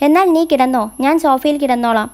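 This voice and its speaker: Brief: calm, gently teasing young boyfriend from a romance drama retelling, voiced by a woman storyteller, high voice. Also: fast talker, natural voice. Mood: tender. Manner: gentle, reassuring, quietly playful.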